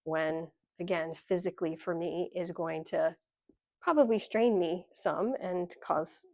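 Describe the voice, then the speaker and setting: A woman's voice: lowish voice, a little slow, darkish tone, no echo, clean studio sound. A middle-aged woman vlogging a candid personal story, rambling with frequent ums.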